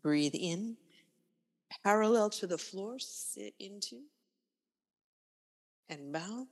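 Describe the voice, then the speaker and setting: A woman instructor guiding a yoga class with calm, unhurried cues in short, breath-led phrases. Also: mid-range voice, husky. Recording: long reverberant room echo.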